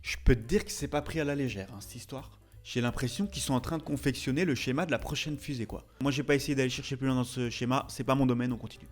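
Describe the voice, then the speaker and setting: This YouTube host and tattoo artist speaks quickly with few pauses, his voice sitting in the mid-range. Music plays behind him as he delivers casual, jokey remarks and over-the-top mock outrage.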